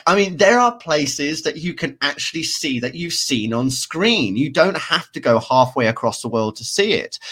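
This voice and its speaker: A man co-hosting a podcast, talking in a lively, animated way. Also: medium pitch. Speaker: podcast co-host. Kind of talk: casual podcast discussion.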